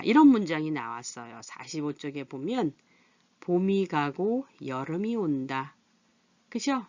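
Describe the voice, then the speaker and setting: A woman's voice: sits low, no echo, highs cut off. A middle-aged woman teaching a patient adult literacy lesson. She asks questions and then answers them herself.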